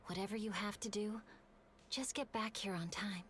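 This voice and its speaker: A woman playing a composed, earnest and caring superior officer in a video game, speaking in a measured, gentle, formal way. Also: mid-range voice, fairly even intonation, a loud crowd, close to an everyday voice.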